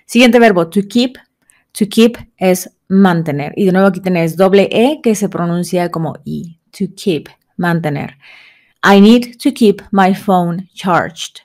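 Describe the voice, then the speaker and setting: A woman teaching English vocabulary. She says each English example slowly twice and then translates it. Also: fairly low pitch, a little mellow. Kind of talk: vocabulary lesson.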